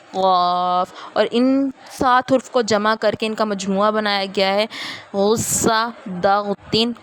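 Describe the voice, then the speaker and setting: A woman with a Pakistani Urdu accent teaching a Quran recitation lesson, repeating points and drawing out each letter slowly. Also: medium pitch, a little hiss or hum. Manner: slow, drawn-out letter pronunciation and repetition.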